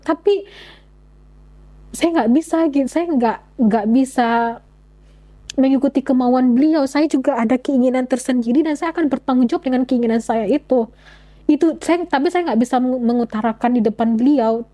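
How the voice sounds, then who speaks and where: A young woman giving an earnest personal testimony, speaking in halting phrases with many restarts. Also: high-pitched, mellow, rough recording. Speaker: convert sharing her story.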